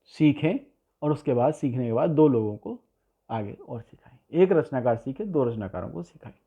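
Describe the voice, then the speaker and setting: A man giving a spoken poetry lesson who explains patiently and slowly repeats example lines word by word. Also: medium pitch, expressive, breathy edge. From India. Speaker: poetry teacher. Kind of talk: spoken lesson on ghazal writing. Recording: tinny phone-like sound.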